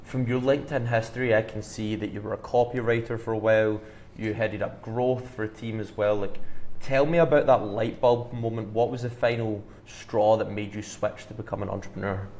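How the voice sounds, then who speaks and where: A man's voice: on the low side, fairly even intonation, a little fast, darkish tone. A man hosting an interview, asking friendly and eager questions. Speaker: podcast host.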